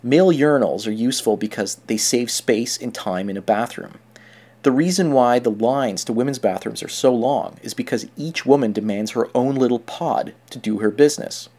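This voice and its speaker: A man's voice: mid-range voice, darkish tone. A man delivering scripted opinion commentary in a sardonic, mocking manner.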